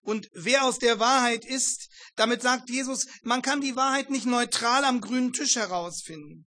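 A man's voice: very high voice, moderate pace, pushed and bright, no room sound, clean studio sound. A man preaching a Bible exposition sermon, earnest, addressing his listeners formally and building emphatic repetitions.

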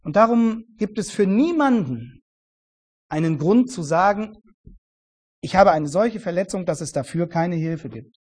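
A man preaching a sermon earnestly, swinging between emphatic stress and hushed softness, often repeating words. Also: high voice, lively intonation, a little slow, husky. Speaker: pastor.

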